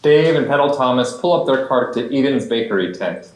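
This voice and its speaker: A man's voice: medium pitch, animated, brisk, darkish tone, a little hiss or hum. A man narrating a community stage show in a plain storytelling way. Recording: roomy theater sound.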